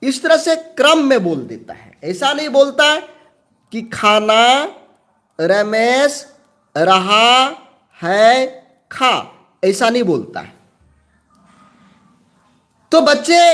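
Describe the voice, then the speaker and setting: Guy teaching exam prep, really high lively voice, slow, keeps repeating terms. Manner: slow, repeats key terms, asks and answers own questions.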